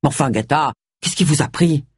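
A woman's voice: sits low, a little fast, a little mellow, breathy edge, no room sound, clean studio sound. A woman reading a storybook who voices a proud, prickly retired male police inspector, speaking stiffly and indignantly.

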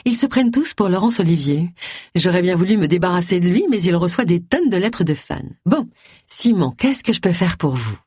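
A woman voicing a glamorous, flirty soap actress with a husky, bright, teasing voice. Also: on the low side, sing-song, fairly quick, no room sound, studio quality. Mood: brisk. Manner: bright, playful and mocking.

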